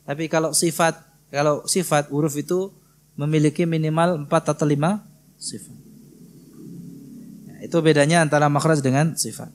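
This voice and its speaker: A man from Indonesia teaching Quran recitation in a prayer hall, patiently drilling and gently correcting students. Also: a little high, fairly even intonation, a little hiss or hum. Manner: slow, patient, drills students by repeating syllables. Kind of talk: tajwid lesson with live correction.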